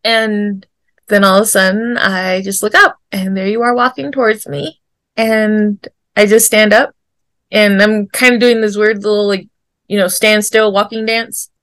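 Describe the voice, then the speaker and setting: A woman in her forties telling a personal story on a podcast, animated and laughing often as she acts out what people said. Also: medium pitch, a little slow, no echo. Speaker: podcast guest. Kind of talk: casual storytelling.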